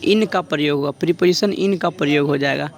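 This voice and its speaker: A man teaching an exam-prep grammar lesson, drawing out example sentences slowly as he dictates them. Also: fairly high pitch.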